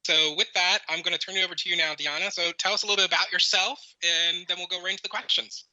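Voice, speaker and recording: A man hosting an interview podcast, talking casually and rambling, with restarts and sudden high bursts. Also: steady tone, fast, pushed and bright, dry recording, muffled recording. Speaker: podcast host.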